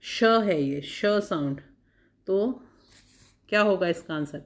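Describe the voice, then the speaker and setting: A female teacher leads an exam-prep lesson, sounding out words one at a time, repeating them, and reading questions very slowly. Her pitch is fairly low and her intonation lively.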